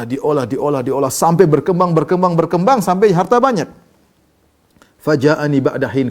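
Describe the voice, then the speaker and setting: Animated male preacher, fairly high voice. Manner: recites Arabic then explains it, animated storytelling; swings between soft low asides and raised emphatic lines. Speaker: Islamic preacher. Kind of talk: religious lecture on hadith.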